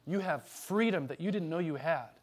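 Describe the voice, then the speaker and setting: A man's voice: on the high side, expressive, normal speed. A man preaching an earnest, emphatic sermon as pastor, then leading a prayer in church.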